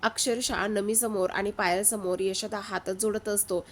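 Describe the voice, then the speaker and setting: A woman retelling the day's episode of a TV serial in a steady, casual storytelling way. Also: mid-range voice, normal speed, a little hiss or hum. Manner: steady retelling, reads quoted lines in her own voice.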